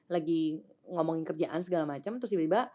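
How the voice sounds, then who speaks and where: A woman in her thirties from Indonesia, a podcast guest in casual chat, telling animated stories, acting out quoted voices and mixing in English phrases. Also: sits low, fast. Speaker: podcast guest, influencer and entrepreneur.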